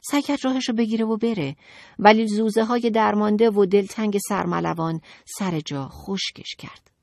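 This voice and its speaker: A woman narrating a children's audiobook in an expressive, dramatic storytelling manner. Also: mid-range voice, vocal fry, no echo, studio quality.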